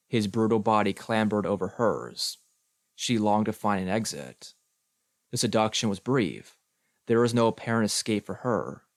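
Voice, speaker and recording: A man reading experimental prose for an audiobook, slow and deliberate, in measured, clipped phrases. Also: on the low side, no echo, studio quality. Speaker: audiobook reader.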